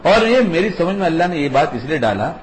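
An older man giving an informal religious talk, in a fairly high voice. He teaches in an emphatic, conversational way. He repeats key phrases over and over. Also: big pitch swings, noisy background. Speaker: religious speaker.

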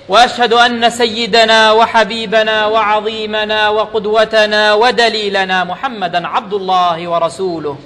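A man's voice: high-pitched, a bit bright. A man giving an emphatic Friday sermon in a mosque, mixing formal oratory with colloquial asides. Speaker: preacher. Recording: reverberant mosque hall, faint noise.

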